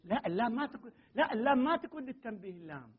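A man with a very high, husky voice teaches a grammar class. He reads from the text, keeps quizzing the students and corrects them firmly. The recording is dull and muffled. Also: sing-song, rapid-fire. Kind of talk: classroom lesson on Arabic grammar.

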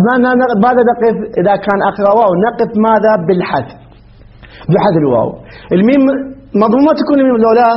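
A man teaches Quranic recitation rules at a rapid clip. His voice sits high, and he keeps firing questions at his students before answering them himself. The recording sounds dull and muffled, with faint noise behind. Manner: asks the class questions and answers them himself, with many restarts.

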